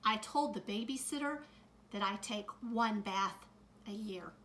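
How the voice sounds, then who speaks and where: A middle-aged woman teacher reading a picture book aloud to children, adding gentle comments as she goes. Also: medium pitch, slight background noise. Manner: slow, gentle storytime delivery with added comments to kids.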